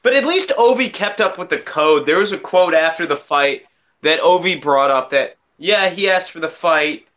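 Bright, high-voiced man talking hockey. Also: expressive, moderate pace. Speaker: podcast co-host. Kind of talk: casual sports chat.

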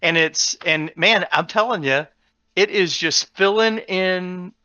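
Bright-voiced man in rambling chat. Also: sits high, slow pace, smooth, no room sound, lo-fi sound. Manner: rambling, many restarts, animated when explaining. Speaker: podcast co-host. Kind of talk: casual chat.

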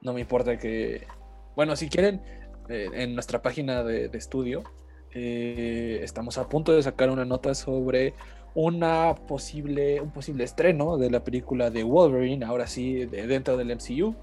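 A man's voice: mid-range voice, normal speed, dark tone, soft background music. A Mexican man talking casually as the co-host of a podcast.

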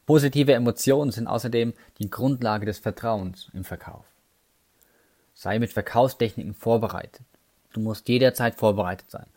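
A man's voice: medium pitch, moderate pace, a little mellow. German-speaking man giving sales tips. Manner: addresses the listener directly with numbered tips and casual asides. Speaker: sales trainer. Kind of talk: instructional talk.

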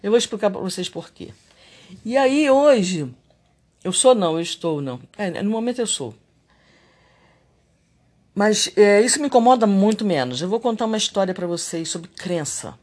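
Speaking at a moderate pace with frequent pauses, a man with a high-sitting voice reflects on spirituality and daily life. His tone is confessional and thoughtful, though irritation makes him animated.

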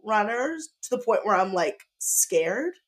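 A congested woman co-host talks in a loose, rambling way, full of "like" and quick tangents. Her voice sits at an ordinary middle pitch and sounds stuffed up from allergies. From Michigan. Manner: rambling, animated, many fillers. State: congested, sniffling. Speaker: podcast co-host. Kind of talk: casual chat recap.

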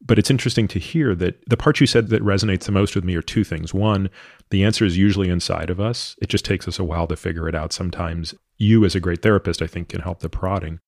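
A man's voice: low voice, fast, vocal fry, a little mellow, dry recording, clean studio sound. A man in his thirties hosting a podcast interview, earnest and thoughtful, explaining his views at length. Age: 30s. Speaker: podcast host. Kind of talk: long-form interview conversation.

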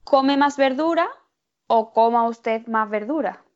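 Female student answering lesson prompts, high-pitched, muffled and slightly distant. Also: a little slow. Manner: reads example phrases aloud.

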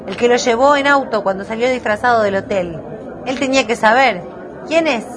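A pushy male reporter shouts his questions across a room, voiced by a woman. The voice climbs high and turns loud and insistent. It is an audiobook scene read with force. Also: fairly quick, crowd noise, close to an everyday voice. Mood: pressing, loud.

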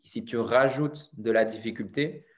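A man's voice: mid-range voice, measured pace. A man from France who teaches French, talking casually and explaining his views with frequent restarts. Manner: thoughtful, explaining with many restarts. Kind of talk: casual conversation.

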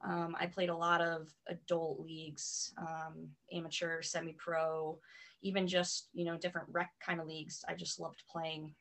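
A woman's voice: low-pitched, normal speed. A woman from the US East Coast, a soccer coach in her thirties or forties, talking through her career in a casual interview with many "um"s. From Connecticut, US East Coast. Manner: steady and matter-of-fact, many "um"s. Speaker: soccer coach and private trainer, podcast guest.

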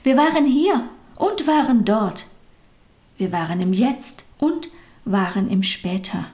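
Brief: woman doing a loving storybook soul, hushed and tender, swooping up with feeling, slow. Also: a little high, animated. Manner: tender, softly whispered, rising with feeling. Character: kind, loving soul, warm and devoted.

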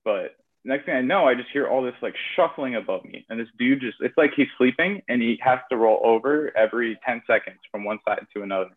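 A man's voice: medium pitch, brisk. A young man telling a long story in casual chat, rambling with lots of fillers. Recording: tinny phone-like audio.

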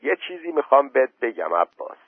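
A man's voice: mid-range voice, very animated, husky, no echo, voice pushed up. A man voicing a young villager who teases slyly, recorded dry through a phone-like line. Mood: teasing. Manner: teasing, sly. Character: young villager, sly and teasing.

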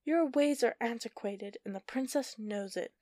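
Scheming witch, silky and slow, put on by a female narrator, dry close sound. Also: a little high, mellow, no room sound, natural voice. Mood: mocking.

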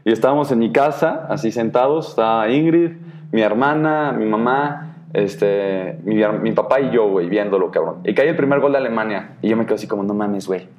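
A man's voice: fairly low pitch, brisk, slight background noise. Slangy Mexican man telling stories. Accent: Mexican Spanish. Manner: slangy and profane, animated storytelling with many fillers. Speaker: podcast host. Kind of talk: casual chat.

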